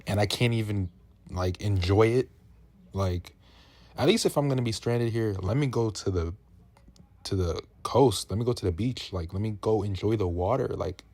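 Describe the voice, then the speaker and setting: A man's voice: on the low side, darkish tone. A young man from New York telling a profane, slangy storytime in a laid-back way. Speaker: vlogger. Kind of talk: casual storytime vlog.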